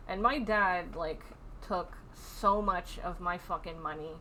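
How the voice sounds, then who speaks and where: A woman's voice: lowish voice, slow pace, sharp tone, a little hiss or hum. Stressed woman swearing through a story. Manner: heavy swearing, frequent sighs, rambling with fillers. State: stressed and upset. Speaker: vlogger. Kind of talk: candid personal storytelling vlog.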